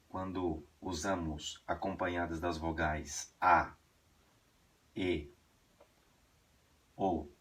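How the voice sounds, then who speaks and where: A Brazilian man giving a casual pronunciation lesson, chatty and full of "né" and "tá", slowly sounding out syllables. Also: low-pitched, slightly rough. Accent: Brazilian Portuguese. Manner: chatty, drawn-out slow demonstrations of syllables, frequent "né" and "tá". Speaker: Spanish pronunciation teacher.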